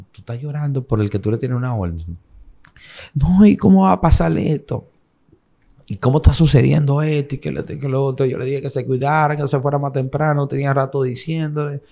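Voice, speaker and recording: A young man with a Dominican accent from the Cibao region, telling his story as an interview guest and acting out what others said. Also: fairly low pitch. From Dominican Republic. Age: young adult. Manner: animated retelling, acting out the voices of others in quotes.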